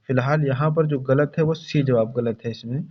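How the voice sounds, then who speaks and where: A man's voice: mid-range voice, normal speed. A man teaching an online Hindi exam-prep lesson, going over spellings again and again and calling his students brother and friends. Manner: repetitive, drills correct spellings, calls students "bhai" and "saathiyon". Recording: dull lo-fi sound.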